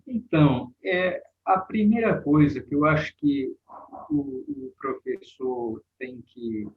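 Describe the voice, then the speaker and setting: A man talking through his ideas in a casual panel discussion, pausing and restarting his sentences often. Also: medium pitch, husky, narrow, tinny audio. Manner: thinking aloud with many fillers and restarts. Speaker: guest teacher in a panel talk.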